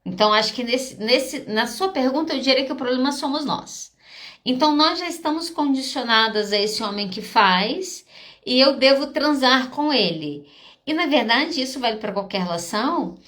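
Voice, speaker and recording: A woman's voice: sits high, expressive, normal speed, fairly bright tone. A Brazilian woman psychologist with a Brazilian Portuguese accent, hosting a live podcast talk, direct and emphatic, driving her points home with short check-ins to listeners. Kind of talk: live podcast talk answering audience questions.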